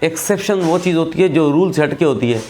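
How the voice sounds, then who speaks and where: Man, teacher, slightly raised pitch, patient, repeats rules, recorded lesson. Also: expressive, brisk, a little mellow, slight background noise. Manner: patient, repeats points, checks in with "theek hai". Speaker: English teacher.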